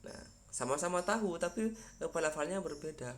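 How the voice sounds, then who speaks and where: A man's voice: on the high side, expressive, brisk, slight background noise. A man giving a university lecture, explaining step by step with frequent fillers and repeated words.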